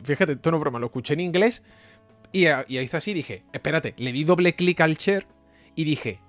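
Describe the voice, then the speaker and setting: A young man with a Spain Spanish accent, streaming and reading his live chat in a joking, animated way, often laughing and repeating exclamations. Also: fairly high pitch, dry recording. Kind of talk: casual livestream chat.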